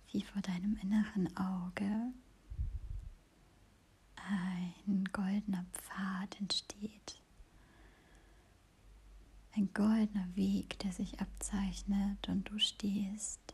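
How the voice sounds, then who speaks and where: A woman whispers a guided meditation in a slow, soothing hush. Her voice is dark, with a gravelly edge. Breath carries through every word. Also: mid-range voice. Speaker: podcast host and meditation guide.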